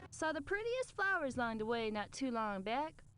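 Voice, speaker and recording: A woman's voice: high voice, big pitch swings, moderate pace, a bit bright. An actress playing a devout, cheerful pioneer woman in a computer game, folksy in manner. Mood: rapturous, grateful. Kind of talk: scripted game character dialogue.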